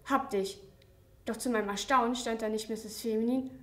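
A young teenage girl reading her own comic first-person story aloud at a school reading, with a steady, plain delivery. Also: fairly high pitch, fast talker. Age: young teen. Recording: roomy, distant mic.

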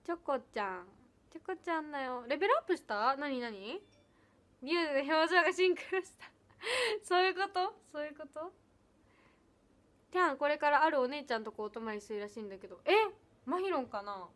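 Young woman w/ chatting on her stream, high bright voice, giggly, thanks everyone a lot. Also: lively intonation, a little fast. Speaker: idol livestreamer. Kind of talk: casual livestream chat reading comments.

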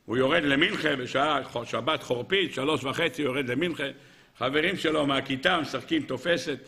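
Bright-voiced lively rabbi. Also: male voice, mid-range voice. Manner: lively storyteller who acts out characters; addresses the audience with rhetorical questions. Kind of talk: Torah lesson with a parable.

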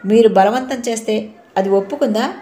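Composed young woman, stern under calm, read by the narrator; roomy audio. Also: a little high, normal speed, close to an everyday voice. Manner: quietly firm, questioning. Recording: roomy echo.

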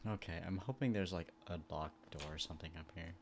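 A man streaming a video game live, commenting as he plays and jumping between quiet mutters and excited outbursts. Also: deep voice, brisk, music in the background. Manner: excitable, bursts into loud shouts and laughs.

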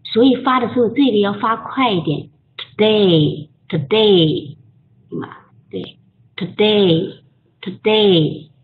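Slow-spoken woman teacher on a tinny line. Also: mid-range voice, animated. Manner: patient, coaching, models sounds slowly. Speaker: English pronunciation teacher. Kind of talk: online group lesson. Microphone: voice chat.

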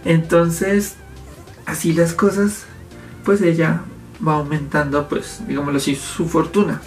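A YouTube host, a man, gives casual commentary to camera from his home office, explaining his topic and gesturing as he talks, shot by a fixed camera in medium framing. His voice is on the high side with fairly even intonation, a little slow, with faint music behind it.

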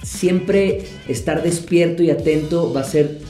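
A young man shares road trip advice in a relaxed, friendly way from his couch. His voice is warm and mellow. The room has some echo, with soft music behind him. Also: fairly high pitch, unhurried. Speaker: travel vlogger. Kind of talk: casual advice to camera. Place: living room, indoors.

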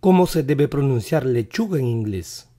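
A male teacher running a vocabulary quiz lesson, repeating each English word slowly and carefully, his voice not fully recovered. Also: medium pitch, lively intonation, mellow.

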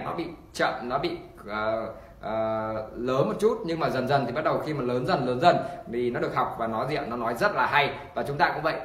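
A man teaching an online pronunciation lesson, repeating example words slowly and encouraging learners. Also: mid-range voice, a bit bright. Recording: echoey room.

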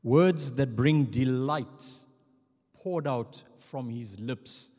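A middle-aged man reading a formal eulogy as master of ceremonies, measured and solemn, pausing between short phrases. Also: medium pitch, a little mellow. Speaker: master of ceremonies at a memorial service. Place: church stage at a lectern, indoors. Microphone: microphone on a stand at the lectern. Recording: long hall reverb.

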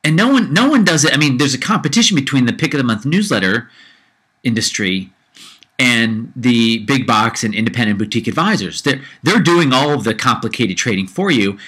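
This man hosts his own podcast and rants alone, casually, growing more heated and often saying the same things again. His voice is medium-pitched, expressive, fairly quick and fairly bright, slightly rough from a mild cold.

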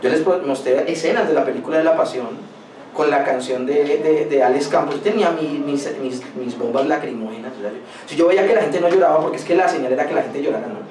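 A man's voice: on the high side, fast. A man pastor preaching a sermon, pressing his points with rhetorical questions and personal anecdotes. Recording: echoey room, voice from a distance, faint noise.

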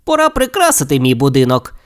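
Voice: mid-range voice, huge pitch swings, a little fast, clean tone. The narrator of a children's audio tale voicing a cheerful young blocky game hero, who talks in eager exclamations. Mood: excited.

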